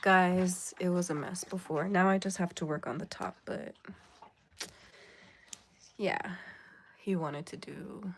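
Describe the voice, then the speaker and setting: A woman's voice: on the low side, fairly even intonation, slow, long pauses, a little hiss or hum. A woman chatting casually on a livestream, laid-back and rambling, often dropping into a half-whisper. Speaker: livestream host.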